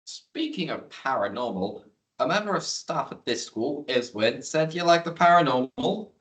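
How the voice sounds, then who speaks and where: A man's voice: fairly high pitch, lively intonation, moderate pace, a bit bright, low-quality recording. A young man, a student giving short, terse answers in an interview. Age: young adult. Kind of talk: casual interview chat.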